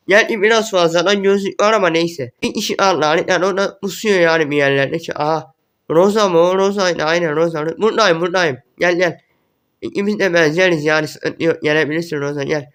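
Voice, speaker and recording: A young man giving excited gameplay commentary, repeating words in quick bursts as the match unfolds. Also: fairly high pitch. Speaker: gaming YouTuber.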